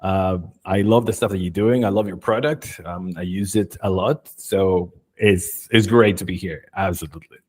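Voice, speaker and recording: A man's voice: low voice, fairly even intonation, moderate pace, hardly any pauses, a little mellow. A man in his forties from Chile, a guest on an interview podcast, telling his career story with enthusiasm and many fillers. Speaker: guest, marketing and video expert. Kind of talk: casual interview chat.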